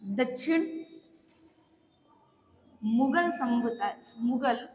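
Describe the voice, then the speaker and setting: A woman teacher giving a slow, repetitive exam-prep lecture, pausing often to check that her students are following. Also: fairly high pitch, expressive, darkish tone, big-room sound, dull audio, slight background noise.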